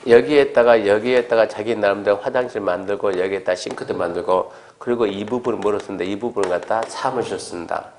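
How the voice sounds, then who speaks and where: A man's voice: lowish voice, fairly quick, hardly any pauses, darkish tone, a little hiss or hum. A male lecturer giving an exam-prep lecture in a conversational way, acting out little exchanges as he explains. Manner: conversational, acts out quoted exchanges.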